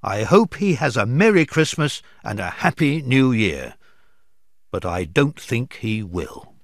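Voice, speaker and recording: Guy reading as a bitter mum, firm, slow, up and down a lot, dry mic. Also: mid-range voice, big pitch swings, vocal fry, no echo, full character voice. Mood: resentful. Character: sharp-tongued mother of a poor family.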